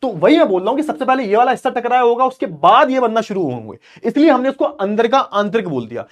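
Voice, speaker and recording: Fast, high-voiced male teacher. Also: sing-song. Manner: repeats key terms and asks rhetorical questions, urging students to hurry; explains while drawing on a board. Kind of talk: exam-prep classroom lecture.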